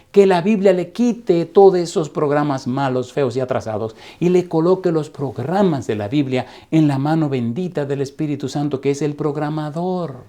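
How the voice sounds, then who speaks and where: Pastor guy preaching, fervent, sighs to himself, dark mellow voice. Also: fairly high pitch. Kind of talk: sermon.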